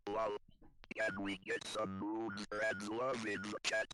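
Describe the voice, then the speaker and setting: A man's voice: fairly low pitch, level tone, slow pace, sharp tone, clean tone, soft background music. Man on a cursed voice changer. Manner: trolling, mock-menacing one-liners. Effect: distorted voice changer. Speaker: guest joining a stream by voice chat. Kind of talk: casual teasing chat. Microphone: voice chat.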